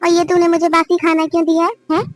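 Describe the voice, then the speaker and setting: Brief: female VO for a stingy, harsh cartoon mother-in-law, commanding scolds, very high voice. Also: monotone, quick pace, no echo, soft background music. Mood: scolding. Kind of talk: cartoon family drama voice acting.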